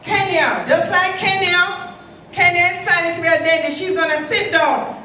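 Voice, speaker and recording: A woman's voice: very high voice, fairly even intonation, normal speed, sharp tone, a little hiss or hum. A woman giving an emphatic motivational speech, calling out to her audience as guest speaker. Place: large echoing hall with audience. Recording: echoey hall from far off.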